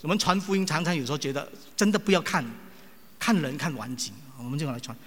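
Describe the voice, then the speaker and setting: A man's voice: fairly high pitch, fast talker. A male preacher giving a sermon full of personal stories, acting out the people he quotes. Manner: animated, acts out quoted people. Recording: long reverb of a large hall.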